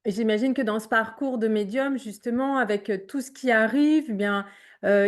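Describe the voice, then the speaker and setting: A woman interviewer with a slightly high voice, asking her questions with hesitation. She searches for words as she goes, filling the gaps with soft fillers. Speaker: interviewer, host.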